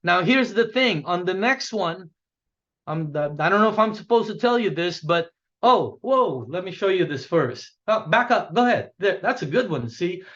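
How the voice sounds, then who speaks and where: Punchy high-voiced man rallying a sales team. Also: lively intonation, moderate pace, fairly bright tone, muffled recording. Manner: punchy, repetitive, asks "okay?" a lot. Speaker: business coach. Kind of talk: motivational talk to a sales team.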